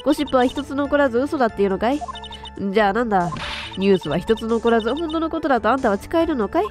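A woman voicing a pushy, gossiping middle-aged woman who talks brashly and roughly. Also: on the high side, animated, racing, music in the background, natural voice. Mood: combative.

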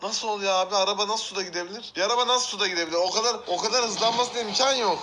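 A man's voice: high-pitched, racing, noisy background. A man hosting a casual reaction video, exclaiming and laughing often as he comments on clips.

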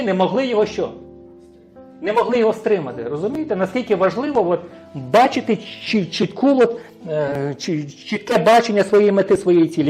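A man's voice: sits high, darkish tone. A man preaching a sermon, often asking his congregation rhetorical questions and tagging his sentences with a questioning "right?".

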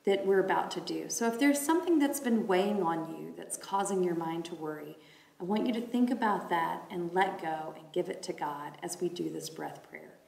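A middle-aged woman leading a church devotion and reading scripture with measured, deliberate phrasing. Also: lowish voice, vocal fry, a little mellow. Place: large wood-panelled room indoors. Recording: echoey indoor room.

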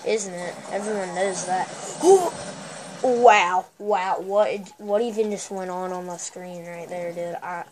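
A woman with a girlish voice giving excitable, trash-talking commentary while playing a shooter game. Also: lowish voice, slow pace. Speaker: gameplay commentator. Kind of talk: casual gameplay commentary. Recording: noisy recording with steady hiss.

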